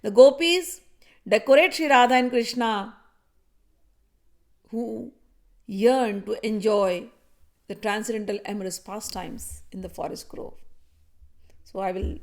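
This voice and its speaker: Gravelly-voiced woman telling devotional stories. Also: medium pitch. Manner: vivid storytelling, acts out characters' voices; speaks directly to listeners, conversational asides. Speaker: spiritual teacher leading a satsang. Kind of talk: devotional storytelling talk.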